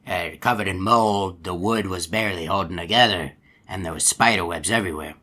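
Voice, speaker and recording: An actor playing a folksy, long-winded, gullible hippo animatronic in a video game, telling stories in a polite, meandering way. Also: male voice, sits low, a little fast, pushed and bright. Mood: genial, reminiscing. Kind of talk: video game character monologue.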